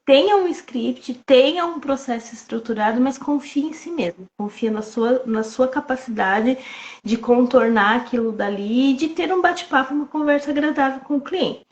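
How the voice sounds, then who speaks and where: A woman with a soft, childlike voice talking calmly about sales in a casual live chat over a video call. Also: high voice, normal speed, highs cut off. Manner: calm, reassuring, many fillers. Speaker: sales trainer.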